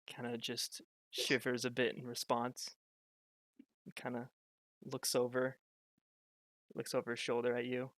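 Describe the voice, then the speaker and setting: A game master slowly narrating a tabletop role-playing scene, pausing and restarting as he searches for words. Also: medium pitch, completely flat delivery, fairly bright tone, no room sound, studio quality. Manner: halting, searching narration with many fillers.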